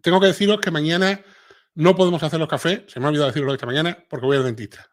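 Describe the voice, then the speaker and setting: A man's voice: on the high side, racing. A middle-aged man with a Sevillian Andalusian accent, hosting a casual live chat and reading viewer comments aloud. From Seville, Spain. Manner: chatty, reads viewer comments aloud, frequent filler tags. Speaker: livestream host.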